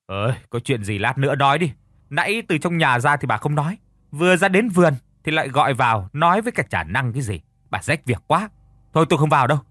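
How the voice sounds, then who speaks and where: A gruff old farmer husband grumbles and scolds, his voice rising and falling with exasperation. A man acts him out in a dry, close recording. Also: on the high side, very animated, quick pace, fairly bright tone, no room sound. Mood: grumpy. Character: gruff older farmer husband, irritable but softening.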